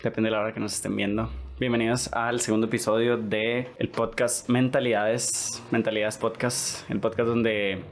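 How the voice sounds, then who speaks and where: A man's voice: on the low side, flat delivery, moderate pace, hardly any pauses. A young Costa Rican man hosting a casual podcast interview, chatty and peppering his talk with "¿verdad?". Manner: chatty, repeats "¿verdad?" often. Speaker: podcast host.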